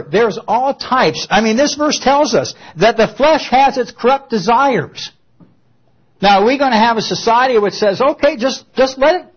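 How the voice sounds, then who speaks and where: An older man preaching a sermon as pastor, emphatic and storytelling, with animated asides. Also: high-pitched, breathy edge, highs cut off.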